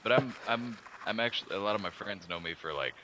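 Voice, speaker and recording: Very deep man with a smoker's rasp. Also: quick pace, sharp tone. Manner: radio-DJ-like delivery. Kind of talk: casual chat. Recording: noisy voice call.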